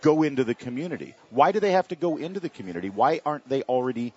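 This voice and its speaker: A man on a political panel, pressing his point with rapid, repeated questions. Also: medium pitch, expressive, darkish tone, breathy edge. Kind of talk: panel discussion. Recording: dull lo-fi sound.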